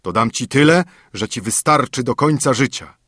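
A man voicing a huge, haughty male spirit freed from a bottle in a fairy tale, speaking slowly and threateningly. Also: expressive, fairly bright tone, husky, dry recording, studio quality. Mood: coaxing. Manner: slow, booming and threatening. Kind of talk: storybook narration.

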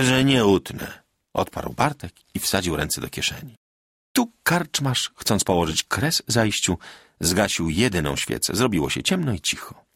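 Gravelly expressive male storyteller. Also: low voice, dry recording, studio quality. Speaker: audiobook narrator. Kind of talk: scripted literary narration.

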